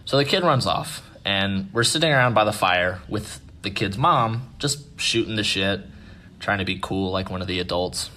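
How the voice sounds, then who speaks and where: A man with a fairly low voice telling a ghost story the way you'd tell it to friends. He is relaxed and self-mocking, with swearing thrown in. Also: moderate pace, slight background noise. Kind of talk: casual spoken ghost story.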